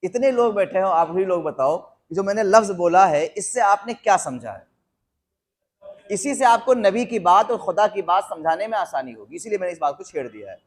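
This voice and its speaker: High-voiced man preaching a sermon. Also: lively intonation. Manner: questions the audience and repeats phrases for emphasis; slows down to spell out quoted phrases. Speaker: Islamic preacher. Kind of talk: live sermon to a seated audience.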